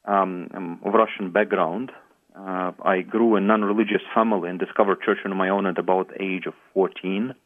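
A middle-aged man from Latvia speaks as a guest priest on a radio show. His voice sits on the low side and he answers in a measured way, pausing and hesitating often. The sound is narrow and phone-like, as if coming through a radio. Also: fairly even intonation. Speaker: guest priest and pilgrimage tour founder.

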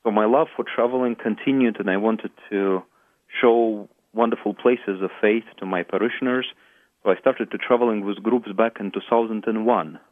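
A middle-aged man from Latvia speaks as a guest priest on a radio show. His voice sits on the low side and he answers in a measured way, pausing and hesitating often. The sound is narrow and phone-like, as if coming through a radio. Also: steady tone. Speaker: guest priest and pilgrimage tour founder.

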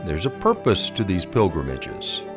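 A male radio announcer reads the show's opening with a lively, rising-and-falling delivery in a lowish voice. He sounds smooth and practiced, with faint music playing under him. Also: moderate pace. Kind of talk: scripted broadcast announcing.

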